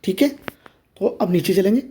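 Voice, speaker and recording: A woman presents a step-by-step tutorial. Her voice is mid-pitched and soft-edged, with little brightness. She explains each point by addressing the listener directly. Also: expressive, unhurried, a little hiss or hum. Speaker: tutorial host. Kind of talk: step-by-step screen reader tutorial.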